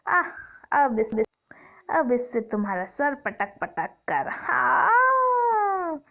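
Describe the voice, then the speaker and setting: A woman's voice: high voice, big pitch swings, very slow, creaky, pushed and bright, pitched above the performer's own voice, full character voice. A woman voicing a bloodthirsty witch who eats children, gloating with a cackling menace in a doll story. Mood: cruel glee. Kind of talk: doll story play-acting.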